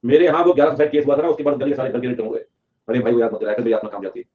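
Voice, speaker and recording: A young man from Delhi teaching accounting in a lively lecture, acting out an auditor and a client in playful voices. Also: medium pitch, very fast. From Delhi, India. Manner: animated, acts out auditor and client in funny voices. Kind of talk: lively classroom lecture with acted skits. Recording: dull lo-fi recording.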